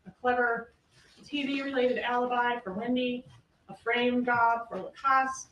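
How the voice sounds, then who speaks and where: A woman's voice: a little high, steady tone, unhurried, a bit bright, lo-fi sound, slight background noise. A woman prosecutor delivering a courtroom closing argument, pressing her case with pointed rhetorical questions. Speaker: trial prosecutor. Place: large courtroom. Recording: echoey courtroom audio from far off.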